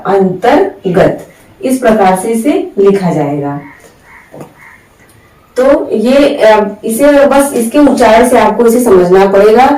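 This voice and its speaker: A woman teaching Hindi spelling rules, slowly drawing out each example word and mixing English words into her Hindi. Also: a little high, a little mellow, reverberant, distant mic, rough recording. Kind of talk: spelling lesson.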